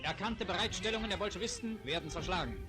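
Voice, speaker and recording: Formal, declamatory announcer narration for a 1940s wartime newsreel is read from a script by a man with a high voice at a quick pace. Loud music plays behind him on the film soundtrack.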